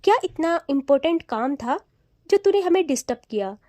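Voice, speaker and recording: A woman voicing a newly married young woman who scolds and teases her friend with quick, bossy retorts. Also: sits high, lively intonation, warm tone, no room sound. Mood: bossy, teasing.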